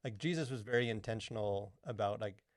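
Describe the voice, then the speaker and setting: A fairly quick, lowish male voice, recorded dry with studio clarity. He's a podcast co-host rambling through a casual talk on culture and faith, peppering it with "like" and "you know."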